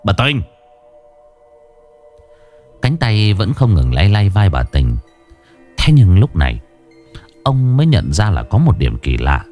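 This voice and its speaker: Male horror audiobook narrator, very low, lively intonation, faint music underneath. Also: a little slow. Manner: dramatic, vivid storytelling.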